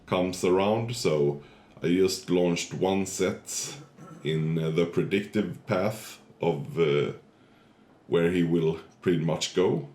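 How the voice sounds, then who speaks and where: A man with a muffled voice, congested from a cold, giving halting gameplay tutorial commentary as host of a gaming channel. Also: sits low, darkish tone, echoey room.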